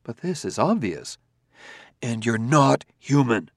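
A man voicing a weary, irritable male detective who talks curtly and forcefully. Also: mid-range voice, sing-song, takes it slowly, dry recording, studio quality, heavily acted. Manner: curt, forceful.

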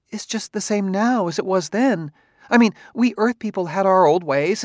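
A man's voice: sits high, no room sound, studio quality, voice pushed up. A man reading an audiobook, voicing a chatty, anxious middle-aged wife who rambles on in a raised voice.

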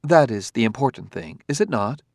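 A man's voice: medium pitch, animated, moderate pace, no room sound, clean studio sound. A man voicing a polite, formal male humanoid robot who speaks precisely, with no contractions.

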